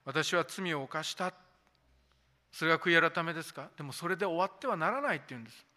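A man's voice: on the high side, animated, rapid-fire, bright, forceful tone. A pastor delivering a sermon, stressing key points by repeating them and putting rhetorical questions to his listeners. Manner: asks the congregation rhetorical questions. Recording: long hall reverb.

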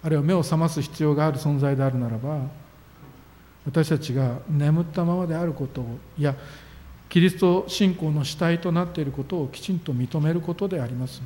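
A man's voice: fairly high pitch, fairly quick, mellow. A man preaching a sermon as a pastor, earnest and emphatic, with sudden rises in his voice. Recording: long reverb of a hall.

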